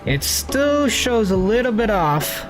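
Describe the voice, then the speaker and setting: Slowly and in a high, sing-song voice, a man sets up his cockpit on a flight simulator live stream, musing aloud in a relaxed, chatty way. He greets viewers and thanks them warmly while music plays beneath him.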